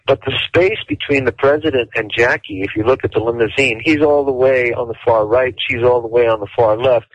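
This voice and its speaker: A male interview guest explaining in detail and at a deliberate pace, with frequent fillers. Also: mid-range voice, dry recording. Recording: dull dry lo-fi audio.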